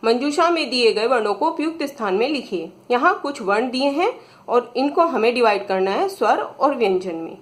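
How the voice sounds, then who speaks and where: A woman's voice: a little high, lively intonation, normal speed. A woman teacher, patiently reading out exercise questions to children and explaining each answer. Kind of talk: slow explanatory lesson.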